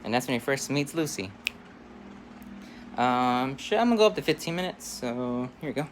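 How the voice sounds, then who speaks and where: A man's voice: mid-range voice, lively intonation, moderate pace, a little hiss or hum. A man telling a story in a loose, rambling, casual way. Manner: rambling, loose, "he's like" style.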